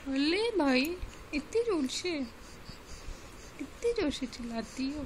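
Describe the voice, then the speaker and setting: A woman's voice: high-pitched, very animated, slow pace. A mother coaxing her baby in sing-song baby talk, repeating her phrases, on a noisy home recording.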